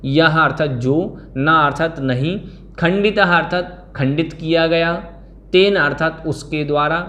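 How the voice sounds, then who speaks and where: High-voiced man teaching verses. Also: fairly bright tone. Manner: slow syllable-by-syllable recitation of verses. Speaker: Sanskrit scripture teacher. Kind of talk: online class lesson.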